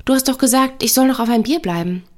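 A woman's voice: high-pitched, fast, a little mellow, pitched above the performer's own voice, natural voice. A woman reading the part of a hurt young woman who reproaches her friend bitterly. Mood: reproachful.

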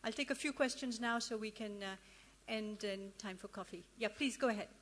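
A woman moderating a panel discussion, brisk and directive as she calls on questioners. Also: medium pitch, a bit bright.

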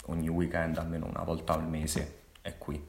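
A man's voice: extremely low pitch, completely flat delivery, moderate pace. A man in his twenties with a Molise accent, chatting casually as an interview guest. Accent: Molise, from Agnone. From Molise, Italy. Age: 20s. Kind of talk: casual chat. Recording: roomy, echoing sound.

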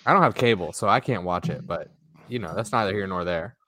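A man co-hosting a sports podcast, giving quick, opinionated takes that trail off into mutters. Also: deep voice, lively intonation, sharp tone, dry recording. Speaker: podcast co-host. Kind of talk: casual sports podcast chat.

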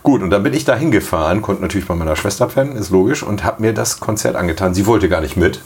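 Lower-voiced older man telling stories. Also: fast, slight background noise. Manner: storytelling, animated and chuckling. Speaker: podcast co-host. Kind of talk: casual chat.

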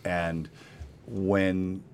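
A middle-aged man hosting a podcast interview, talking casually with frequent restarts and pauses. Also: sits low, flat delivery, slight background noise. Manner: hesitant, restarts often, thinks aloud. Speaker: podcast host.

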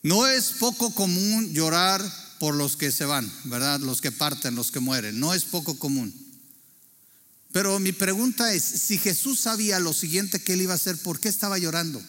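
A man's voice: high-pitched, expressive, normal speed, fairly bright tone. A man with a Mexican accent preaching a sermon, earnestly asking the congregation questions. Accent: Mexican Spanish. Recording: preaching in a reverberant hall.

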